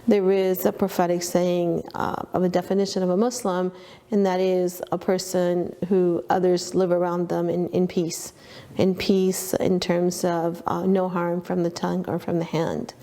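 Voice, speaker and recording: Calm, mellow Egypt-born woman. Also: lowish voice, normal speed, vocal fry. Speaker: intercultural consultant. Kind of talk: documentary interview.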